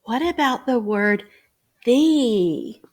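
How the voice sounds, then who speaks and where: A woman reading teacher explaining guided reading, slipping into a bright, exaggerated voice when she models talk with young children. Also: medium pitch. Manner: careful, deliberate phrasing. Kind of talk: teacher training demonstration.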